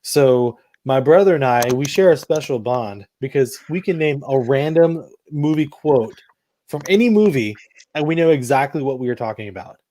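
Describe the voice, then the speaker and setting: A man from Florida hosts a podcast, chatting casually and cracking jokes with movie quotes. His voice is medium-pitched and warm, animated, and delivered at a normal speed.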